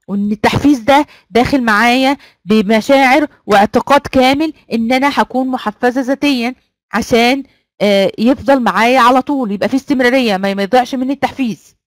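A woman with an Egyptian Arabic accent runs a live online class, repeating the same prompt and coaxing her students to join in. Her voice sits a little high and sounds dry and close to the mic. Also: dry recording. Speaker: online trainer.

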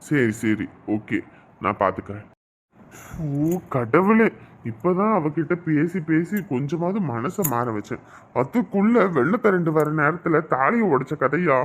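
A man's voice: on the high side, sing-song, unhurried. A man playing a devoted young husband who pleads with and reassures his upset wife in a family drama. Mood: exasperated. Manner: pleading, reassuring, then grumbling to himself. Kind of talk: melodramatic web-series acting.

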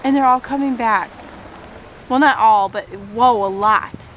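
Casting: thirties woman, excitable homestead vlogger, higher voice, outdoor camera mic with faint rain noise. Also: unhurried. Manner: excitable, gasping and laughing at surprises. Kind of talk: casual outdoor vlog chat. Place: outdoors in a rainy farm garden. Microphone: handheld camera mic.

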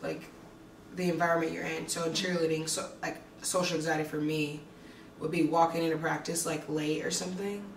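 A twenty-one-year-old woman with a very low voice feels her way through each answer and restarts her sentences. She sounds distant in a reverberant room. Soft music sits underneath. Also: flat delivery, fairly quick, slight background noise. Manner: searching for words, restarts. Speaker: interviewee, former cheerleader. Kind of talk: casual interview answer. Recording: roomy and distant.

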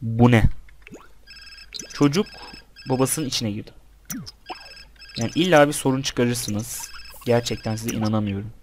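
A young man talks through his gameplay in a casual way, addressing the characters on screen and his viewers by turns. His pitch sits in an ordinary middle range. A faint noise and some clicking run under the recording. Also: measured pace, long pauses, a little mellow. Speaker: gameplay commentator. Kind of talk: casual let's-play commentary.

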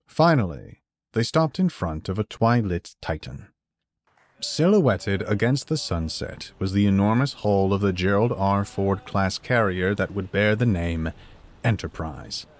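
A man narrating a fan fiction story in an even, measured reading. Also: deep voice.

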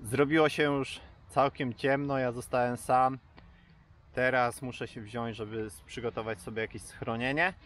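A man talking casually to the camera as a vlogger, halting and pausing mid-sentence. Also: medium pitch, steady tone, a bit bright. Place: outdoors at a lakeside campsite. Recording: faint wind and outdoor noise.

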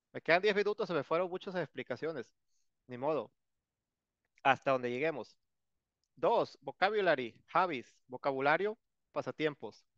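A man's voice: on the high side, fairly bright tone, no room sound. A man with a Mexican Spanish accent teaching an English lesson in a casual, joking way with colloquial asides. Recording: dull lo-fi dry sound.

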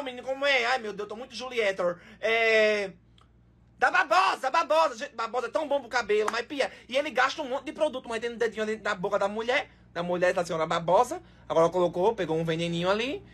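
A man with a Northeastern Brazilian accent riffs over clips as a comic reactor. His voice is husky and a little breathy. He fires off exclamations and sudden bursts of mock outrage. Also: very high-pitched, sharp tone. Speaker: comedian reacting to videos.

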